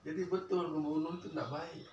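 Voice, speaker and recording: An older man tells a family story in casual conversation, his voice swinging from hushed murmurs to loud outbursts. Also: on the high side, steady tone, a little fast, lo-fi sound. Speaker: guest recounting a family story. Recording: echoey room, distant mic, faint ambient hiss.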